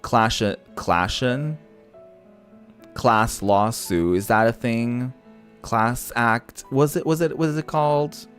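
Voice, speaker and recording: A man's fairly bright, medium-pitched voice moves at a slow pace. As a native Portuguese-speaking gaming content creator playing a visual novel on stream, he offers casual, sassy, opinionated commentary with liberal swearing, backed by background music.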